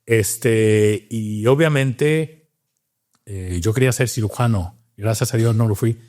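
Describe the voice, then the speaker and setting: This Cuban doctor and scientist has a lowish, darkish voice and speaks slowly. Telling his story in a casual interview, he comes across as reflective, often pausing on fillers and restarting his thoughts.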